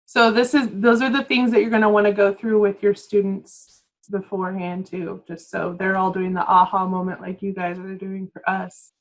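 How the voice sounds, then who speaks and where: A woman presents a training session over a video call. She explains each step patiently and casually, checking whether everyone is following. Her voice sits at an ordinary middle pitch. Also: little pitch movement, moderate pace, poor audio. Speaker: workshop presenter.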